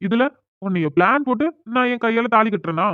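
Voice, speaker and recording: In a cartoon drama, a man voices a proud, hot-tempered young man who argues quickly and bluntly. The pitch is extremely high, with a tinny, phone-like sound and no echo.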